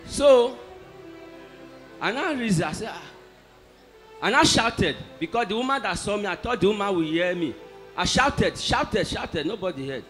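Guy testifying, high and swingy voice, bit of music under. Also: moderate pace, long pauses. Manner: animated storytelling of an ordeal. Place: church hall.

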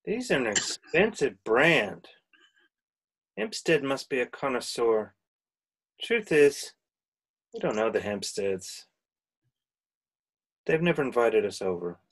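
A man's voice: medium pitch, sing-song, slow pace, long pauses, a bit bright, husky, exaggerated voice. A middle-aged man playing a mild, bemused husband in a stage play read over a video call, placid and a little wry. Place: indoors, plain room.

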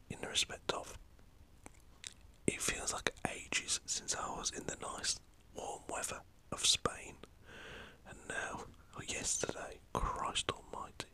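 In a fairly bright whisper, a man with a northern English accent rambles through a chatty football talk for an ASMR channel, swearing mildly. A camera is set up in front of him, and the recording quality is low.

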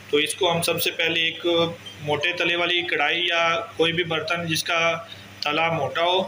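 A bright, clear man's voice. He speaks on a fairly steady, level pitch and guides viewers through a home cooking recipe in a friendly way. A faint hum sits under his voice. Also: poor audio. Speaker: cooking channel host. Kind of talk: cooking tutorial. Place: home kitchen.

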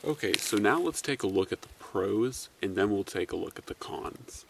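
A man's voice: on the low side, normal speed, creaky, noisy background. A man giving a casual knife review in an easygoing, rambling way. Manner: relaxed, talks in loose run-on phrases.

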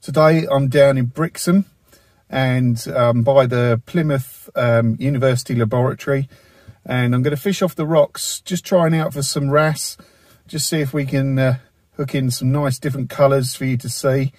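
A man, casually presenting a fishing vlog in a relaxed way with plenty of fillers. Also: medium pitch, moderate pace, no room sound, clean studio sound. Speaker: fishing vlogger. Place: inside a parked car, then outdoors on seaside rocks.

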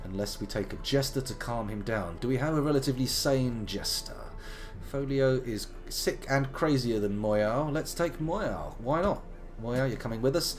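Over faint game music, a man in his thirties chats playfully through a casual live game stream, his voice roughened into gravel by a slight cold. His pitch rises and falls with lively energy, and he often wanders off into jokey asides.

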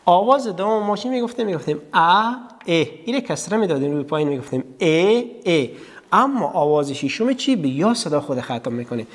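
A long reverb tail trails this man's fairly high, expressive voice as he gives a televised literacy lesson with an Afghan Dari accent. He speaks straight to his students, answers his own questions, and stretches vowels in repeated drills.

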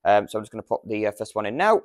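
Here the voice is lowish, very animated and racing along. A British man in his thirties demonstrates a product step by step in an informal, explanatory style, picked up by a lavalier lapel mic.

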